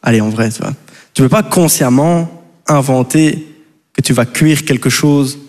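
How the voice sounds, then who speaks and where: A Belgian stand-up comedian with a Belgian French accent rambles casually through a live routine in a mid-range, somewhat dark voice. He's chatty and keeps turning to the crowd with quick asides full of "tu vois" and "les gars." Long hall reverb from the stage fills the recording.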